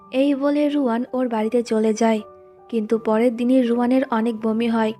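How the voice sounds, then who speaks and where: A woman with a fairly high but mellow, soft-edged voice tells a drama's story in an even, storytelling way. She reads the characters' lines in her own voice without acting them out. Faint music plays under her narration. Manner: plain recounting, reads quoted lines in the same voice.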